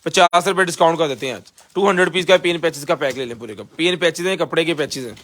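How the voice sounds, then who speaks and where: A man with a Pakistani accent giving a casual live sales pitch as a seller, pushing items hard and repeating himself like a hard-sell ad. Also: quick pace, fairly bright tone. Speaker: live-stream seller of container goods.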